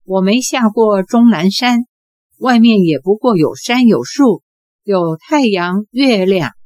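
A woman's voice: medium pitch, animated, slow, a little mellow, no room sound. A woman voicing a cold, aloof, sheltered young woman of eighteen in an audiobook, with a cool, curt, dismissive manner. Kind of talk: audiobook character voice.

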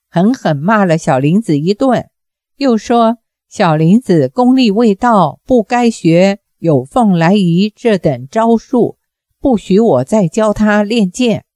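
A woman voicing a sharp-tongued young female martial artist who speaks coldly and resentfully, at a slow pace. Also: mid-range voice, dry recording, clean studio sound. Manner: cold, scolding.

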